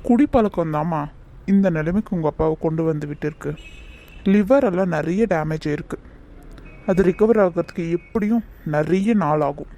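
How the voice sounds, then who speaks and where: Grave middle-aged male doctor, cartoon, mellow tone, voiced by a man, recorded from a distance. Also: on the high side, normal speed, close to an everyday voice.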